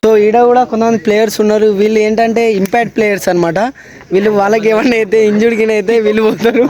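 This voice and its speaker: A man's voice: high-pitched, fairly even intonation, rapid-fire, a little mellow. A man with a Telangana Telugu accent chatting casually to his viewers outdoors at a cricket ground. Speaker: vlogger at the match. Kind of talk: casual chat to camera.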